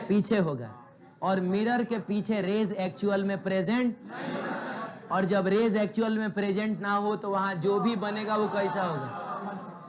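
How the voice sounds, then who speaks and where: A man teaching physics in a classroom, asking the students rhetorical questions and telling chatty ones to be quiet. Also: high-pitched. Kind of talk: classroom lecture.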